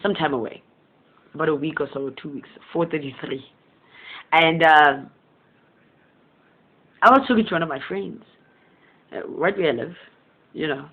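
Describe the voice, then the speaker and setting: A motivational channel host whose first language is Southern Sesotho delivers a casual spiritual monologue over a tinny, phone-like line. His mid-range voice moves at a moderate pace with long pauses and a breathy edge. He rambles, chuckles often, and sounds gentle and earnest.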